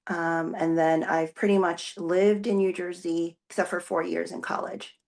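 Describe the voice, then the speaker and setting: Born in the Philippines, this woman speaks Tagalog as her first language and is a guest executive pastor giving casual interview answers about her story. Her low voice has a gravelly fry and a level, darkish tone. She is thoughtful, pausing often and using many fillers and restarts as she thinks.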